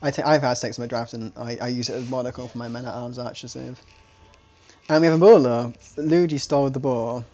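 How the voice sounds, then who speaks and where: A man's voice: medium pitch, fairly even intonation, fast, warm tone, muffled recording. A man casting a strategy game live, talking in a chatty, rambling way, often restarting his sentences. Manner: rambling, self-correcting, chatty. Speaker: esports caster.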